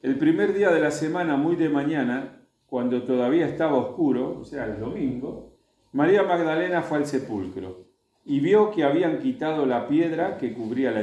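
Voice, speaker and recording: Argentine male Bible teacher, warm low-bright voice, reads then explains, very echoey room. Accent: Argentine Spanish. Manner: reads aloud, then stops to add plain explanations. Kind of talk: reading scripture and explaining to a group.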